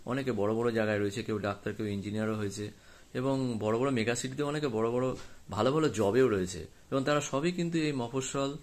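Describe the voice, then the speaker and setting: A man, a film director, explaining his choices to the camera in an unscripted way, with many pauses and hesitant fillers. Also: medium pitch.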